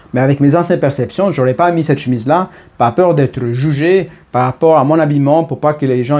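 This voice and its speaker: A man's voice: mid-range voice, mellow. A middle-aged man with an Italian accent, talking casually to camera about personal growth and often restarting his phrases. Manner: hesitant, restarts phrases, speaks to the listener as tu. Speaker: personal development speaker.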